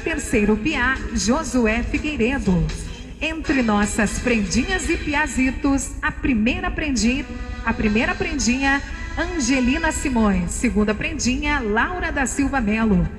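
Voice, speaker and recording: A woman reading a scripted ceremonial announcement at an outdoor parade, in a formal, measured way. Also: high voice, lively intonation, big-room sound, music in the background.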